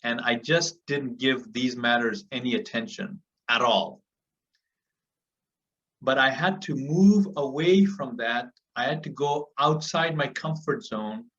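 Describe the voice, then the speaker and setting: Addressing listeners on a group call, a man from Africa gives an earnest, rallying motivational speech in a bright, forceful, mid-range voice, piling up repeated phrases for emphasis. The call audio is dull and muffled, and he sits a little distant from the microphone.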